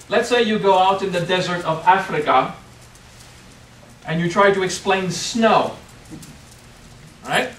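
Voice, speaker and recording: A middle-aged spiritual teacher with a French accent gives a playful workshop talk in a hotel meeting room, frequently checking in with "okay?". His high, slightly bright voice is picked up by a distant camera, so it sounds echoey and far off, with a little hiss or hum.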